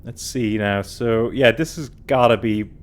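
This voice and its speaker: A man's voice: mid-range voice, measured pace. A tired man streaming a puzzle game, talking casually and thinking aloud as he works through it. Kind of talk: casual let's-play commentary.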